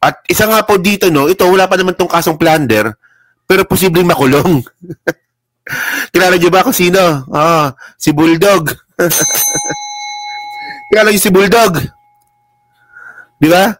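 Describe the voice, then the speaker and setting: A man's voice: sits high, a little slow, long pauses, a bit bright, no room sound, rough recording. Mocking, chuckling male vlogger, dry sound. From Philippines. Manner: mocking, laughs often, reads headlines aloud. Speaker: political vlogger. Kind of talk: casual political commentary livestream. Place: indoors at a laptop.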